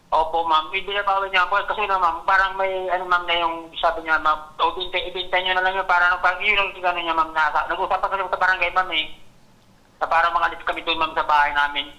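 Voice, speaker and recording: Halting Bicol man, bright tense voice. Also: high-pitched, little pitch movement, rough recording. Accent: Filipino, Bicol region. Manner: hesitant, halting, says "ma'am" after nearly every phrase. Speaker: complainant. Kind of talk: interview on a radio program.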